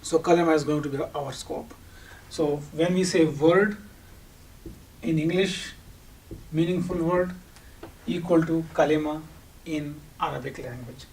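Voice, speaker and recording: In this lecture clip, the Pakistani-accented teacher, a native Urdu speaker, talks at a measured pace with long pauses, his voice on the high side and slightly mellow. He explains by posing questions and then answering them, recorded on a distant mic with background noise.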